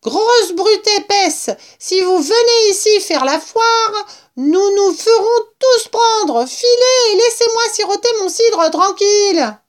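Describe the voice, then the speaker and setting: A woman doing a shrill, furious rat. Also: expressive, slow, full character voice. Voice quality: shrill, screeching. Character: shrill, grumpy male rat, small and possessive.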